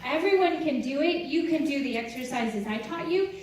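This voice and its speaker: Energetic high-voiced woman leading a seminar. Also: normal speed, a little hiss or hum. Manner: energetic, cheering and counting down. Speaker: health seminar presenter. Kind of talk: live seminar talk and workout cheering. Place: large room with audience. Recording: echoey hall, far-off mic, music and crowd.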